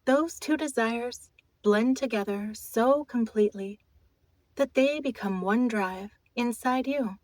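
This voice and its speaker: Leading a hypnotic trance, a woman speaks softly and intimately, her slow, soothing, mesmerizing delivery carrying a gentle note of command. The recording has no room sound, and her pitch is a little high.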